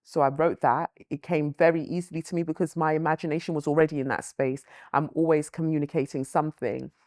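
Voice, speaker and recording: Her voice sits low and a little mellow, with fairly even intonation and no echo in the dry, close recording. A Nigerian-born, London-raised woman whose first language is Yoruba, she's an author speaking as a guest in reflective interview answers, thoughtful and measured with frequent "um" and "you know."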